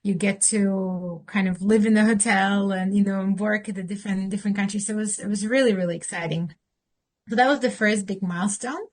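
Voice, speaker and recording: A woman from Slovakia in her thirties, speaking in a mid-range voice as an interview guest. She answers thoughtfully, pausing with fillers and restarting her sentences as she goes. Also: mid-range voice, fairly even intonation.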